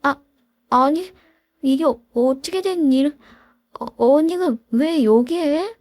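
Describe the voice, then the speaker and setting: A woman's voice: fairly high pitch, expressive, normal speed, a little mellow, no room sound, lightly acted. A woman voicing a spiteful, arrogant young sister-in-law who sneers and talks down to others. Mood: flustered. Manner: sneering, condescending.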